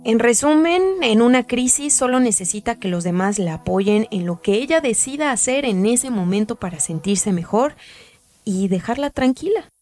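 A woman hosting and narrating a podcast in a calm, measured, explanatory way. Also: a little high, soft background music. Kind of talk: scripted narration.

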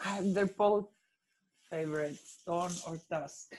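A woman's voice: lowish voice, slow pace, a little mellow, slight background noise. A middle-aged woman from Iceland, a film editor, answering interview questions in a thoughtful, hesitant way. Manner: thoughtful, hesitant, fillers and restarts. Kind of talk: casual interview.

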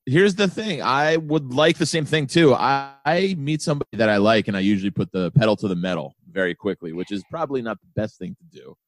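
A man's voice: mid-range voice, lively intonation, a little fast, few pauses, dry recording. A man of forty, a guest on a podcast, chatting casually in an easygoing, joking, rambling way. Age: 40s. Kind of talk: casual chat.

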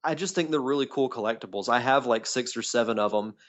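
A man's voice: medium pitch, quick pace, fairly bright tone. A man co-hosting a casual podcast, calling in by phone so his voice sounds tinny and metallic, chatting eagerly like a fan. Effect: tinny phone-line sound. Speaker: podcast co-host. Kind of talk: casual chat. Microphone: phone call. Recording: dull lo-fi phone line.

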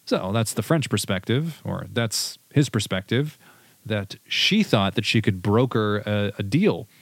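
A man with a low voice hosts a casual history podcast. He talks conversationally and reads out quotes from his sources. The sound is dry and close. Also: lively intonation, unhurried, no echo. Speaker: podcast host.

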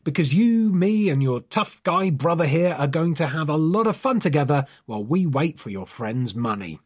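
Casting: volatile mocking pirate boss, husky, raised pitch, chirpy menace, put on by a male narrator. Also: very animated, normal speed. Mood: chirpy taunting. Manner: chirpy, taunting.

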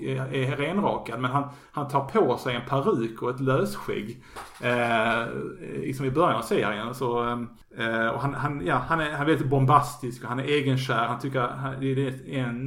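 A man's voice: medium pitch, fairly bright tone, reverberant. A man hosting a casual podcast about comics, talking hesitantly with many fillers and restarts. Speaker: podcast host.

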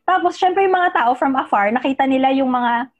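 A young woman in casual chat with friends, retelling a friend's story in a relaxed way with many fillers. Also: high voice, brisk. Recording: slightly dull, muffled sound.

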